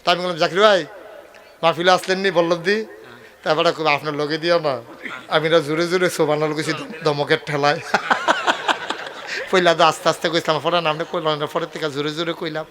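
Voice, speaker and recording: A man preaching a waz sermon, telling stories in dialect with acted dialogue and rising into loud cries. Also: on the high side, fairly even intonation, a little fast, long pauses.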